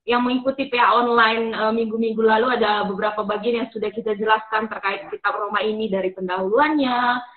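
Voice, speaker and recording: A woman hosting an online Bible study, addressing viewers politely with some hesitant pauses. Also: on the high side, fairly even intonation, phone-quality sound. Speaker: host. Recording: roomy, echoing sound.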